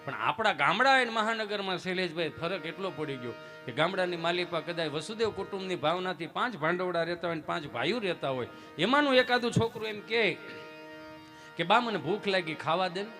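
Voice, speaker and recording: A man's voice: sits high, a little fast, over music. A man telling folk jokes and stories on stage, acting out many voices. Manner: lively joke-telling with many acted voices. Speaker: folk comedian. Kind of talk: live stage storytelling.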